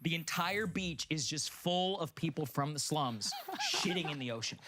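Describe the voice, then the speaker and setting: A man in his twenties with an American accent, chatting casually as a streamer and telling animated, swear-laced stories. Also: fairly high pitch, moderate pace, heavy background noise. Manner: animated storyteller who swears and acts out quoted people. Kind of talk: casual chat.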